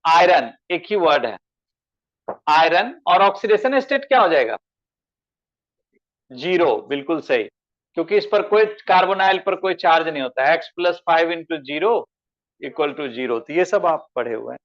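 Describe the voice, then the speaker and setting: A man's voice: on the high side, animated, normal speed, highs cut off. A male chemistry teacher giving an online class lecture, calling students by name and asking them questions. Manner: addresses students as beta, asks them questions.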